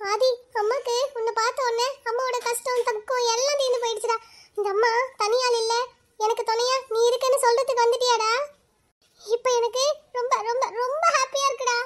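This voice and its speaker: A tearful young cartoon mother with a very high, thin voice, pleading and full of feeling, as a woman acts her out. She sounds close to tears, tender and heartfelt. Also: steady tone, brisk, fairly bright tone, slight background noise. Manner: emotional, pleading. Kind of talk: cartoon voice acting.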